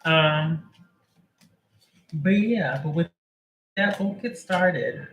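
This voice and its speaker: A man hosts a live tarot reading, chatting casually with viewers, greeting them by name and tossing in jokes before the reading begins. His voice is a little high and fairly bright, and he speaks very slowly. The recording is low quality, with a slight hiss or hum.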